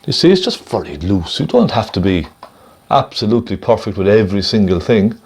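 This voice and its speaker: Gentle painting instructor, a man. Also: on the low side, very animated, husky. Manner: gentle, encouraging, unhurried; thinks aloud while painting. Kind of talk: casual step-by-step painting demonstration.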